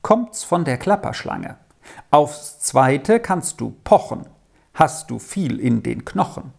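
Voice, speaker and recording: A reader voicing an eager young boy who sets riddles, lively and exclaiming, pitched higher than the narration. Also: slow, vocal fry, exaggerated voice.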